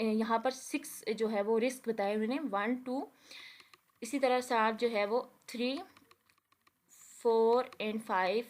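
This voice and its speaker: A woman giving a recorded lecture over a shared page. She explains step by step, often checking with "theek hai", and reads English lines slowly word by word. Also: a little high. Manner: explains with repeated "theek hai" and Urdu-leaning words.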